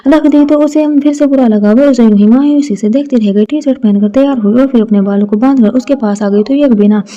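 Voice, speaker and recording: A woman narrating a romance story, reading in a gentle, steady way with small restarts, on a dull lo-fi recording. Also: a little high, a little fast.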